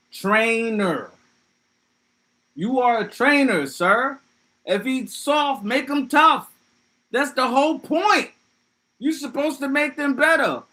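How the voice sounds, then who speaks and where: A man's voice: medium pitch, a bit bright. A young man hosting a livestream, riffing loosely with profanity and jokes while reading chat. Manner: loose, profane, joking riffs. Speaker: livestream host. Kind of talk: casual livestream commentary.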